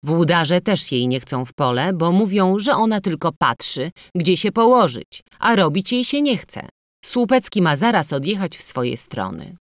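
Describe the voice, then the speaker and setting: A woman narrating an audiobook of a classic novel in a measured, expressive reading. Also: on the low side, no echo, clean studio sound. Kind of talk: scripted literary narration.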